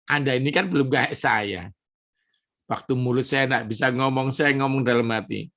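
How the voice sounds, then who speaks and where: A man's voice: medium pitch, normal speed, fairly bright tone. A man, preaching at an evening prayer service, who moves between reading scripture and casual, chatty asides. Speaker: pastor.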